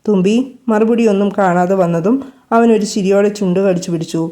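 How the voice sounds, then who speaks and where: Mellow-voiced woman storyteller. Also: medium pitch, fairly quick. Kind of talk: scripted storybook narration.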